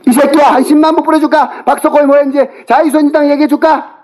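A middle-aged man on a phone call, angrily yelling, cursing and berating the other person. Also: extremely high pitch, steady tone, fast. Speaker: older brother on a phone call. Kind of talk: heated phone argument. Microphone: phone call recording.

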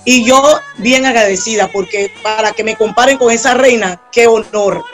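A salsa singer with a Peruvian accent from Lima and a strong, powerful voice, chatting freely in an interview with many restarts. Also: female voice, on the high side, moderate pace, soft background music. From Peru. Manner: chatty, with frequent restarts and fillers. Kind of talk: casual interview chat.

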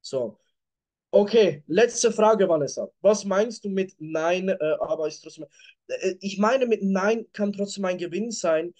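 Brief: male sales coach, high voice, blunt and direct, live Q&A over a call mic. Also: a little slow, darkish tone. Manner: blunt, reads questions from chat, repeats catchphrases.

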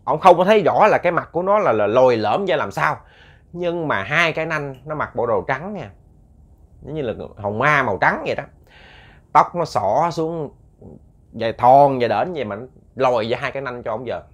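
A man telling a ghost story in a casual, animated way, repeating words for suspense and talking to his listeners. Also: mid-range voice, normal speed. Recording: muffled lo-fi recording.

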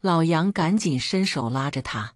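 A woman narrating a family drama story in a scripted, expressive reading. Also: low-pitched, normal speed, no room sound, clean studio sound.

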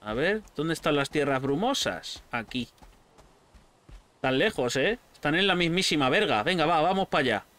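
A man with a Spain Spanish accent giving casual, excitable gameplay commentary, shouting at pets and swearing freely. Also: a little high, normal speed. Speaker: gaming channel host.

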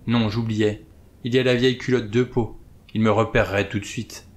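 A man voicing a gruff, wary middle-aged detective who mutters low to himself in an audiobook. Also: fairly even intonation, normal speed, close to an everyday voice. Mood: muttering.

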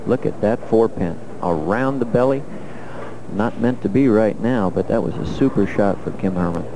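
A man's voice: fairly low pitch, moderate pace, heavy background noise. A man giving color commentary on a televised bowling match, breaking down each shot in a coaching way. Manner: analytical, coaching-style breakdown of shots.

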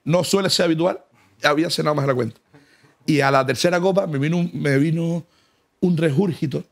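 A comedian guest from the Canary Islands, sitting in a car, tells boastful, mock-humble comic stories in a casual chat and laughs often. His voice is fairly high and creaky, and he talks a little fast.

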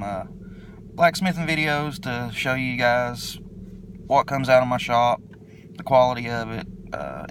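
A middle-aged man with an eastern Kentucky accent speaks in a relaxed, folksy, halting way, pitched at an ordinary male level. He is filming himself on a phone, and the phone video carries a clear layer of background noise. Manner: laid-back, halting, folksy. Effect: self-recorded phone video. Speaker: motovlogger introducing his channel. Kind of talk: casual unscripted vlog intro. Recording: noisy phone video recording.

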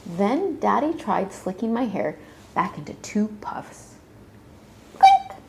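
A woman's voice: medium pitch, vocal fry. A woman reads a picture book aloud to young children. She takes her time and lets her voice rise and fall with the story. A faint hiss of room noise sits behind her. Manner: slow, animated reading with playful voiced sounds.

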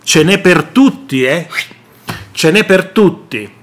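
A man's voice: high voice, expressive, slow pace. A man commenting on politics in a vlog monologue, indignant and sarcastic, repeating his jabs.

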